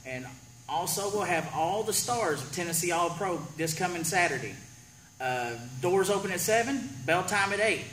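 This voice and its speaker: A man's voice: high voice, animated, normal speed, a bit bright. A man hosting a wrestling promo show, running through matches and interviewing as he goes. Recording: echoey room with faint background noise.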